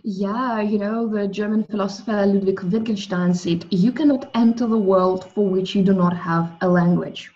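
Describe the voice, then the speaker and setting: A woman's voice: medium pitch, steady tone, normal speed, hardly any pauses, mellow, lo-fi sound. Woman musing on soul. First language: Russian. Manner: thoughtful, restarts often, speaks of soul and language. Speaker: guest. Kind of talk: spiritual interview conversation.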